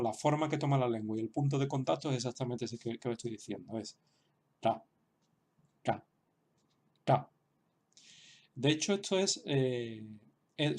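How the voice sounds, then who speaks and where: A man's voice: mid-range voice, darkish tone. A man giving an explanatory lesson as a teacher, talking hesitantly with many fillers and restarts. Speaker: Sanskrit teacher.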